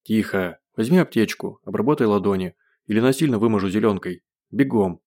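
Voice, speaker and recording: A man playing a tough, controlled man who speaks calmly and curtly with dry humor. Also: lowish voice, brisk, close to an everyday voice. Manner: calm, curt, dry humor.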